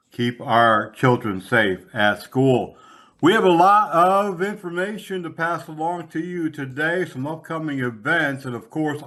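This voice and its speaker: Slow, measured male radio host. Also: mid-range voice, a bit bright. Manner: measured, friendly announcer delivery. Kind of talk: local radio hosting. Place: radio studio.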